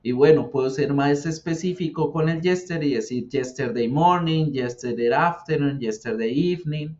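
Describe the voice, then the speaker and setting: A man teaching English pronunciation as a patient teacher who repeats words slowly for the learner. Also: fairly high pitch, a little mellow. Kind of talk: explaining English grammar and pronunciation. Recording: dull lo-fi sound.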